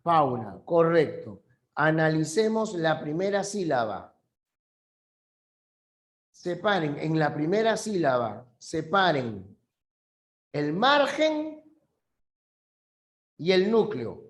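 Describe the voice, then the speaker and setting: Slow, patient male teacher. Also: a little high, very animated, roomy sound. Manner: patient, repeats key terms, checks understanding. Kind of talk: classroom language lesson.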